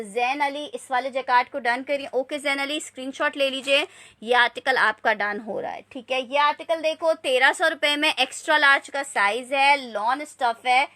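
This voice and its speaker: A woman hosts a live shopping stream. Her voice is high and bright, with a forward edge. She repeats details in a steady sales patter and breaks off to chat casually with viewers. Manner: repetitive selling patter, repeating prices and sizes. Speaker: live online clothing seller.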